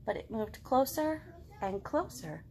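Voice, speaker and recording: Reading aloud to young children from her living room, a children's librarian in her thirties speaks to them directly and with expression. She has a little high, sing-song voice with vocal fry and a darkish tone, delivered unhurriedly, and slight background noise can be heard.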